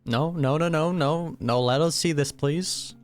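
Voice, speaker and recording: This gaming reaction host speaks unhurriedly in a slightly high voice as he comments on a video game. His take is casual and thoughtful but blunt, and game music can be heard in the background.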